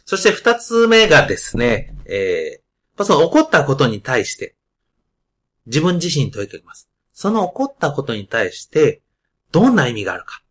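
A man hosting a podcast with a loud, carrying voice, explaining ideas in a casual monologue full of asides and fillers. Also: mid-range voice, huge pitch swings, moderate pace, slightly rough. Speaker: podcast host.

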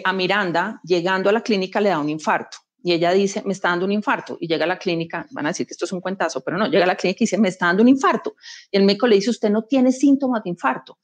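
A woman, an executive guest speaking emphatically in a conversational interview, making her points with anecdotes and rhetorical questions. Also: lowish voice.

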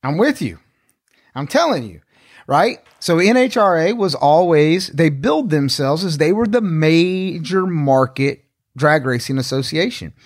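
A fairly high-voiced man co-hosting a podcast, laying out his points one step at a time and agreeing easily. The sound is dry and close, with no room echo. He talks in an easygoing, conversational way. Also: expressive, unhurried. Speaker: podcast co-host. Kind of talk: casual chat.

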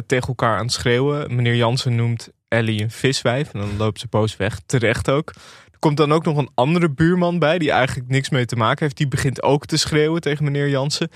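Podcast co-host, male, relaxed storyteller, dry close mic. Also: medium pitch, no room sound. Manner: easygoing storyteller, many fillers. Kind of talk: casual chat, retelling a TV episode.

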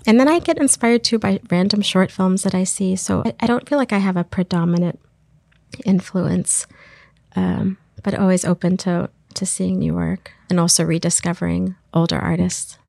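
A woman's voice: on the low side, fairly even intonation, normal speed, vocal fry, a little mellow, dry recording, studio quality. A woman filmmaker talking thoughtfully in an interview, searching for her words as she reflects on her work. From Iraq. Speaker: filmmaker guest.

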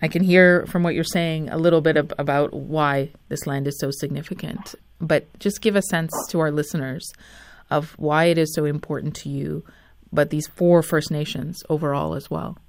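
A woman's voice: low voice, steady tone, moderate pace, no echo. Attentive woman radio interviewer. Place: radio studio.

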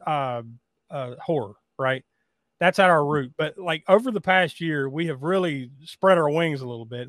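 A man's voice: fairly high pitch, no echo. A man hosting a podcast, talking in a casual, showman-like style. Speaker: podcast host. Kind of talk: casual chat and hyped show introduction.

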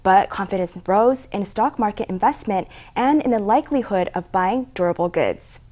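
A woman's voice: medium pitch, animated, moderate pace, a little mellow. A woman presenter reading scripted news narration.

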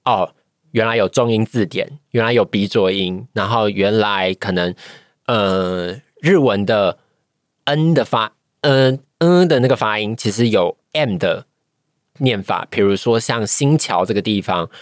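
Recorded in studio quality with no echo, this woman's rumbling low voice moves a little slowly. She's a voice acting trainee guesting on a podcast, telling a casual personal story in a Taiwanese Mandarin accent and frequently pausing to find words.

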